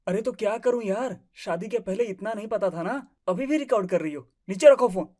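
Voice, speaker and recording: A woman's voice: mid-range voice, a little fast, darkish tone, natural voice. A woman voicing a shy young husband who grumbles and tries to placate his wife. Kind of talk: family drama acting.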